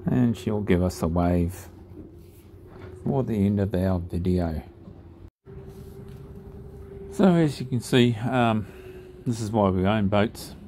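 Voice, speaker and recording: A man narrating his sailing trip over drone footage in a relaxed, unhurried way, with frequent ums and pauses. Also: lowish voice, slight background noise.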